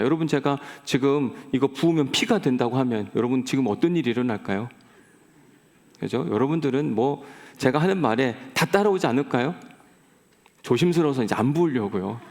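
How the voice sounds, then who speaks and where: A man's voice: mid-range voice, darkish tone. A man preaching a sermon as pastor, conversational and asking his congregation questions. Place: large church sanctuary. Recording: echoey church hall with long reverb.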